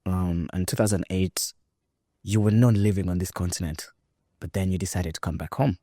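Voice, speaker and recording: A man from Rwanda hosting a podcast interview, talking in an emphatic, lively way with many fillers. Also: low-pitched, moderate pace, no echo, clean studio sound. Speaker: podcast host. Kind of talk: conversational interview.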